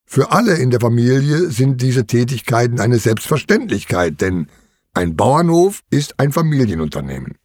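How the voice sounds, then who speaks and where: A middle-aged man narrating a children's farm story in an expressive storytelling manner. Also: moderate pace, dry recording, clean studio sound. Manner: expressive, sweeping pitch.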